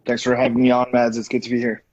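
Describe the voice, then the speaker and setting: Husky young man from Estonia, dull audio. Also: mid-range voice, monotone, fast talker, a little mellow. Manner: thoughtful, hesitant with fillers and restarts. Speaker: guest, digital marketing director. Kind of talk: casual interview.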